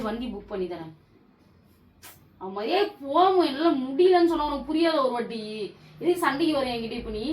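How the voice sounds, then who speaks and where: A young woman with a slightly high voice scolds her partner in a tired, repetitive, exasperated way. She sounds sleepy and fed up. The phone sits some way from her in an echoey room, with a faint hiss underneath. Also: a little mellow, distant mic. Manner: scolding, repeats demands, drained and annoyed. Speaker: vlogger in a couple prank video. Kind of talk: casual heated home argument.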